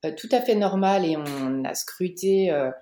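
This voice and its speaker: A woman from the Paris region in her thirties, telling her family story as a podcast guest, with frequent pauses and fillers. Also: lowish voice, lively intonation, mellow, reverberant. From Paris region, France. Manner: hesitant, many "euh" fillers and restarts. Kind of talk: podcast interview, personal testimony.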